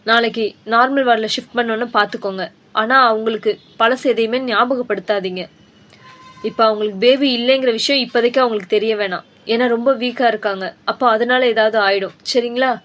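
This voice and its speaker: A woman's voice: a little high, steady tone, fairly quick, a bit bright, natural voice. A woman voicing a firm, professional female doctor in a cartoon, speaking in an instructive way. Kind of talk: cartoon dubbing.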